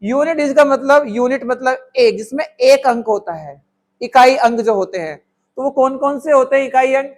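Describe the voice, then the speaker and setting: A man's voice: extremely high pitch, moderate pace. A man teaching a maths lesson in Hindi mixed with English terms, answering on the students' behalf and checking in with "theek hai" and "hai na". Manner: talks students through steps, voicing their answers himself; calls the viewer "my child" affectionately.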